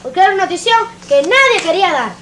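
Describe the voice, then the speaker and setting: Niño vecino inocente. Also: female voice, extremely high pitch, very animated, racing, fairly bright tone, a little hiss or hum, full character voice. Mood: childlike, sweet. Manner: childlike, playful, sing-song. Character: little boy neighbour, innocent, chatty.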